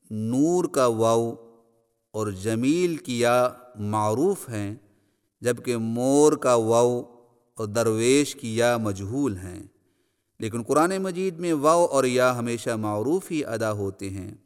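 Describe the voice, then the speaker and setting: Male tajweed teacher, smooth resonant voice in a long reverberant hall, brisk explanations and slow drills. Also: medium pitch. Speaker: Quran recitation teacher. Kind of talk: tajweed pronunciation lesson.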